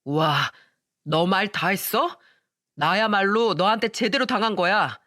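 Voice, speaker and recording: A man's voice: sits high, unhurried, bright, forceful tone, dry recording, clean studio sound. A man voicing a sneering, status-obsessed man in his thirties. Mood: resentful. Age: 30s. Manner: sneering and condescending. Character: calculating, contemptuous man in his late thirties. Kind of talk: scripted audio drama.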